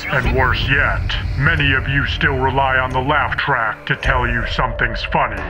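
A man voicing a menacing, mocking alien general in a silly parody redub, speaking with ominous deadpan pomposity through a broadcast effect with echoing repeats. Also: medium pitch, music in the background. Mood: ominous, scornful. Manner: ominous, slow, deadpan delivery of absurd threats.

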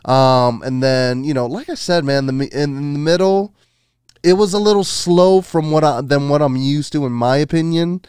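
A man's voice: a little high, moderate pace, a little mellow, clean tone, no room sound. A man in his thirties giving a casual film review as a podcast host, informal and full of "you know" and "man", close on a studio microphone. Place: small home room studio. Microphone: close boom-arm podcast microphone.

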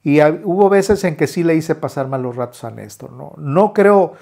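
A man tells a story from his own life in a slightly raised voice. He is a musician, and his telling is loose and halting. He breaks off often, restarts his sentences and fills gaps with little hesitations. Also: fairly high pitch, gravelly, mellow. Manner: halting, frequent restarts and filler words. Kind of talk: personal storytelling.

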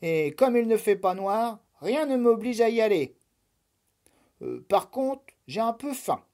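A woman's voice: on the high side, big pitch swings, a little slow, mellow, voice pushed up. A woman voicing a stubborn young male rabbit who refuses to go to bed, whiny and insistent. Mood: grumpy.

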